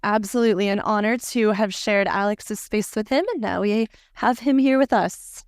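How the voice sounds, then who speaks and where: An upbeat woman co-hosting a podcast, her voice carrying a gravelly edge. She talks in a welcoming, casual way. The sound is dry and close. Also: medium pitch, normal speed, dry recording. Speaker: podcast co-host.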